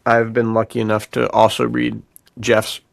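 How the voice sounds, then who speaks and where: A podcast host and fiction author chats casually about writing with a fellow author, effusive and informal, tossing in "dude." His voice is gravelly and on the low side, monotone at a normal speed. The studio-quality recording has no echo.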